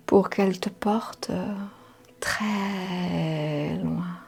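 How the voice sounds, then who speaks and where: A woman leading a guided meditation in a soft, half-whispered voice, soothing, with drawn-out phrases and long pauses. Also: mid-range voice, vocal fry, slightly rough. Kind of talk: slow guided hypnotic meditation. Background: music.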